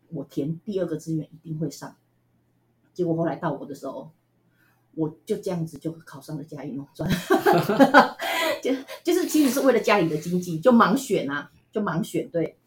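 A woman from Taiwan with a Taiwanese Mandarin accent, telling stories as an interview guest in a chatty, animated way with frequent laughs. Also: medium pitch. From Tainan, Taiwan. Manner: chatty, animated, laughs often, many fillers. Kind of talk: casual storytelling interview.

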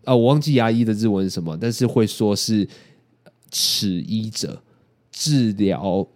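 A man's voice: fairly low pitch, unhurried, a little mellow. A man, hosting a casual podcast and explaining his views thoughtfully with many hesitant restarts. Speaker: podcast host and editor. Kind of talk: casual chat.

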